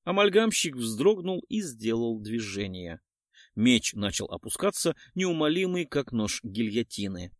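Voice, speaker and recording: A man narrating an audiobook in first person, wry and matter-of-fact with slangy asides. His mid-pitched voice moves lively up and down. The close mic gives a dry, studio-like sound. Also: unhurried, dry recording.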